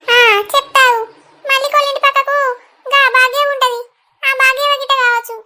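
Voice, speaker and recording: A frantic squeaky cartoon granny. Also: female voice, little pitch movement, a little fast, pushed and bright, heavily acted. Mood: worried. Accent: Telangana Telugu. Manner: anxious, pleading. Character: worried village grandmother searching for her grandson.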